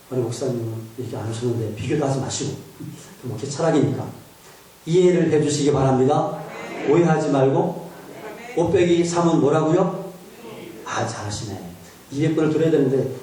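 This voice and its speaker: A man's voice: mid-range voice, warm tone, a little hiss or hum. A male pastor preaching in a church, joking and asking the congregation questions. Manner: humorous, asks the congregation questions. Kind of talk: sermon. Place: church sanctuary. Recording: echoey hall from far off.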